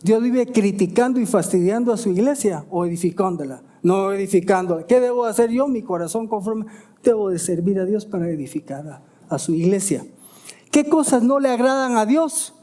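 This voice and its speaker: A male pastor preaching a sermon, asking emphatic questions and answering them quietly, often adding "¿verdad?". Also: high voice, expressive, normal speed. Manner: stops to self-correct and ask "¿verdad?".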